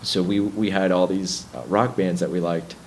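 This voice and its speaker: A young adult man, a musician guest, telling stories in a relaxed, reflective way with hesitant restarts. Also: deep voice, normal speed, slight background noise, rough recording. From Bronx, New York. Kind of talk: casual interview chat.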